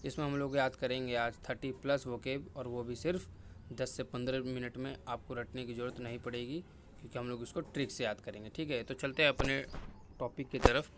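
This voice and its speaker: Young male tutor, mid-pitched, repetitive quiz-and-answer delivery, faint background hiss. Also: fairly even intonation, a little fast. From India. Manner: repetitive, drilling words and asking himself questions. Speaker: exam-prep vocabulary teacher. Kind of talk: casual Hindi vocabulary lesson with memory tricks.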